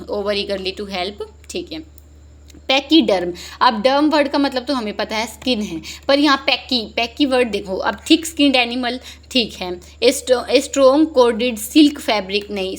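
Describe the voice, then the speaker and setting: A young woman teaching exam vocabulary, joking and lively, reading each answer option slowly before explaining it. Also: on the high side. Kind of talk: exam-prep lesson, Hindi mixed with English.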